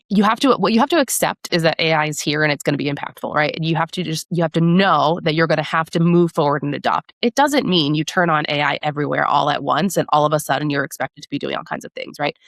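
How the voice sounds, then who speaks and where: In this conversational podcast interview, the guest is a product marketing director who explains things and keeps checking in with tag questions. She has a deep, slightly bright voice, captured at studio quality without any room sound.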